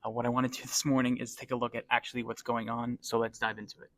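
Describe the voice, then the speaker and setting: A man talking in a hushed, low voice in a library, casually explaining things as a weather vlogger. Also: little pitch movement, fast, no room sound. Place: indoors in a library.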